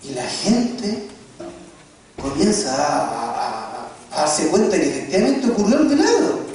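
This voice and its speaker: High-voiced preacher in echoing hall. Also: male voice, a little hiss or hum. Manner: animated, joking, asks the audience questions. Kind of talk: sermon storytelling. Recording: very echoey hall, distant mic.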